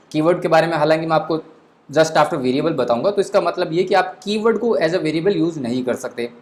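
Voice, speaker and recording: A man's voice: on the high side, darkish tone. A man teaching a beginner programming lesson, explaining step by step, mixing English into Hindi, with frequent fillers. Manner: explains step by step, many fillers like 'theek hai'; mixes English phrases into Hindi. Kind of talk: screen-recorded coding lesson.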